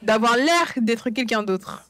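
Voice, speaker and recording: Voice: medium pitch, animated, takes it slowly, sharp tone. A French voice-over of a preacher, talking in a conversational way, often checking in with listeners and restating points. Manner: frequent check-in questions to listeners. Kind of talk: dubbed sermon, conversational preaching.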